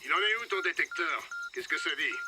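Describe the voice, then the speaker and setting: A man's voice: on the high side, animated, brisk, over music. An actor playing an adult male mission controller in a cartoon, talking over a crackly radio link full of static and repeating his questions insistently. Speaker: radio contact of an explorer. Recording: distant voice through radio static noise.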